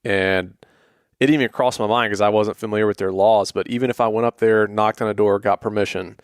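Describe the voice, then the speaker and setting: Male podcast co-host from Atlanta, lowish voice, joking banter, dry close mic. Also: fairly even intonation, fairly quick, smooth, no room sound. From Atlanta, USA. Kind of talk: casual chat.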